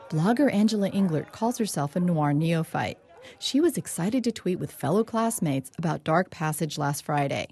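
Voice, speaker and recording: A woman's voice: fairly low pitch, creaky, background noise. A woman reporter narrating a scripted radio news feature.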